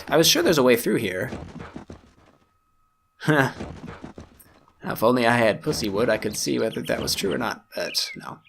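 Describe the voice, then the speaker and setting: Guy chatting through a strategy game playthrough, gravelly voice, talking to himself, self-mocking. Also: medium pitch, fairly bright tone, a little hiss or hum. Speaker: gaming YouTuber. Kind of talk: casual let's-play commentary.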